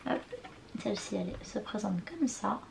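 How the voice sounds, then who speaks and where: A woman's voice: mid-range voice, animated, normal speed, creaky, noisy background. Chatty young woman, makeup haul vlog. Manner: chatty, hesitant over product names, apologetic about pronunciation. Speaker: beauty vlogger. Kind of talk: casual makeup collection show-and-tell. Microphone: compact camera mic.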